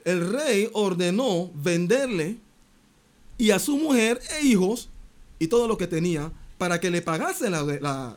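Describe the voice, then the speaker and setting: A man preaching a sermon, retelling a parable and asking the listener direct questions. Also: high voice. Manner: animated, expressive preaching, retelling a parable with quoted voices.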